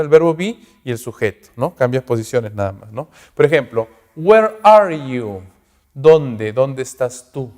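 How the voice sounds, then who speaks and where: A man's voice: mid-range voice, a little mellow. A male English teacher giving a recorded grammar lesson, explaining patiently and checking in with his students again and again. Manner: explains slowly, checks in often with "¿ok?" and "¿no?"; sounds out English examples slowly and carefully. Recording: long reverberant echo.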